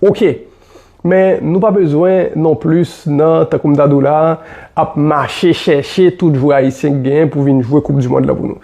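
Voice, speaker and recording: Gravelly Haitian man commenting on football. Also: fairly high pitch, unhurried. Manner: animated, repeats points with many fillers.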